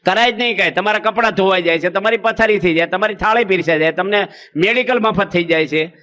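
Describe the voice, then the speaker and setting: Humorous sermon by a male monk preacher, high and bright, folksy storytelling. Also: fast. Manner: folksy, acts out village anecdotes with quoted voices.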